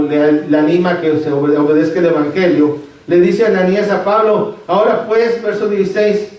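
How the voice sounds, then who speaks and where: A man's voice: sits high, a little mellow. A man preaching a sermon in a church, asking rhetorical questions and repeating phrases. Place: church sanctuary. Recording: very echoey, from far off in a church.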